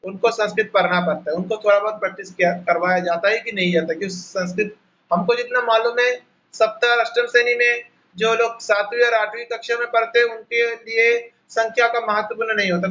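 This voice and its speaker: A man with a Bengali accent teaching an online class, explaining slowly and repeating each sound as he spells it out. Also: high voice, steady tone, sharp tone, lo-fi sound. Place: home, on a video call. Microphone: laptop mic on a video call.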